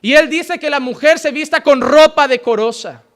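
Un hombre que predica en un sermón con una voz llamativamente aguda para un varón. Pasa de exclamaciones fuertes a frases bajas y serenas, y representa con viveza las preguntas de la congregación antes de responderlas. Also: male voice. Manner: preaching with sudden swings from loud exclamations to quiet, low statements; acts out questions from church members in a quick exchange. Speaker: pastor. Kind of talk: sermon.

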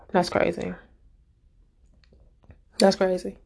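A woman's voice: on the low side, completely flat delivery, extremely slow, gravelly. A woman vlogger giving a casual, emphatic rant straight to her viewers, exasperated and direct.

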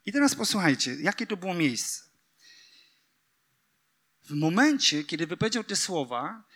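High-voiced gravelly male preacher. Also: bright, forceful tone. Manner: addresses the congregation directly, rising to emphatic outbursts; reads scripture aloud. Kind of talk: sermon.

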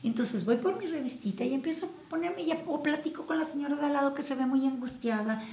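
A woman co-hosting a casual wellness chat, speaking in a calm, reflective way with everyday examples. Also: high-pitched, fast, slight background noise. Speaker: podcast co-host. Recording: echoey room.

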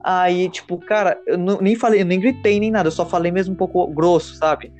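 A man's voice: high-pitched, fairly even intonation, fairly quick, a little mellow, soft background music. A man in casual chat, telling a personal story in a rambling way with many fillers.

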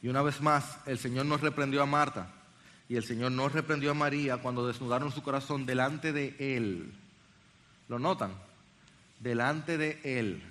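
A male preacher delivers a sermon, reading scripture aloud and asking his listeners earnest questions. His voice sits high for a man, with a bright and forceful tone. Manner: earnest, addresses the congregation with questions.

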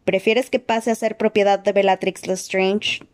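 A calm, courteous old wizard, as a woman reading aloud puts him on. He speaks in a measured, polite way with quiet good humor. A storybook voice close to the reader's own. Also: medium pitch, lightly acted. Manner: measured, polite, gently amused. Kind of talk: audiobook character voice.

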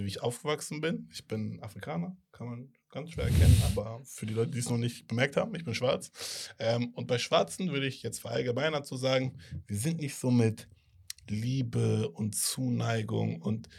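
A man's voice: medium pitch, moderate pace, vocal fry, darkish tone, husky. A young man co-hosting a podcast in casual chat, blunt and teasing, with slangy talk. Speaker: podcast co-host.

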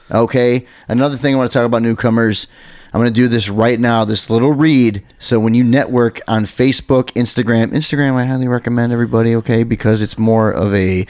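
A man's voice: mid-range voice, dry recording. An American man hosting a casual podcast, chatty and informal, with emphatic, digressive talk. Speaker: podcast host.

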